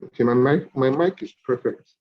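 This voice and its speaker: A man's voice: medium pitch, moderate pace. A man talking hesitantly in an online meeting, his voice cutting up and down in volume from a bad connection. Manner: hesitant, full of fillers. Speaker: meeting participant. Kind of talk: casual online meeting talk. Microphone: video call. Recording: dull lo-fi call audio.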